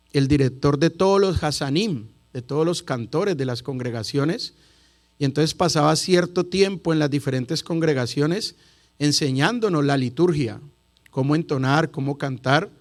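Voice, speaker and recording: A middle-aged man gives a sermon to his congregation in a fairly high voice for a man. He tells stories and sometimes sings out the words like a cantor. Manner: storytelling preacher who sings out key words. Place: congregation hall.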